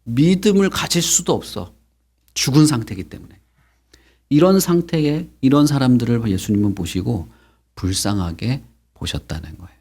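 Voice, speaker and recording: A middle-aged man preaching to children at Sunday school, telling the story with lively questions and acted-out lines. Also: medium pitch, moderate pace, slightly rough. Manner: animated, acts out quotes, asks children questions. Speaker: pastor teaching Sunday school.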